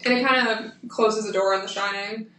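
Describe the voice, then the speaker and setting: Woman recapping calmly in an echoey room. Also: mid-range voice, normal speed. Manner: explanatory, steady storytelling with occasional fillers. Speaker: podcast co-host. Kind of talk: casual podcast chat. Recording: echoey room, distant from the mic, faint noise.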